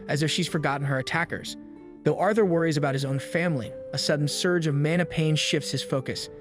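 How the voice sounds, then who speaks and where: A man with a somewhat high voice narrates a recap in a steady, scripted storytelling manner. Faint music plays quietly under his voice throughout.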